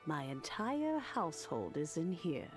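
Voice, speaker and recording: A woman voicing a kindly, doting old granny in a video game, gently apologetic and creaky. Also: low voice, sing-song, a little slow, heavily acted. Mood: kindly, unhurried. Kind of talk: video game character dialogue. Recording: game audio with music behind.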